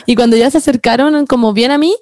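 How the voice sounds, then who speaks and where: A young Chilean woman who talks very fast, rattling through a story in loose, slangy chat. Her voice sits a little high, and it sounds dry and close, with no room echo. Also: a little mellow. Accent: Chilean Spanish. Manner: rapid storytelling, slangy, mixes in English. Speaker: podcast host. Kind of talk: casual chat.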